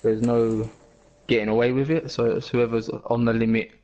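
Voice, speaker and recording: A man's voice: mid-range voice, level tone, moderate pace, dark tone. Slightly muffled man, casual interview answer. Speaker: racing driver being interviewed.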